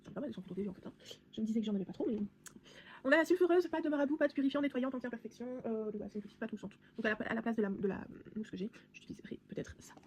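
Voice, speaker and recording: A woman's voice: a little high, expressive, very fast, darkish tone, a little hiss or hum. A young woman vlogging casually through her beauty products, chatty and rambling with many fillers and restarts. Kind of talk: casual product haul vlog.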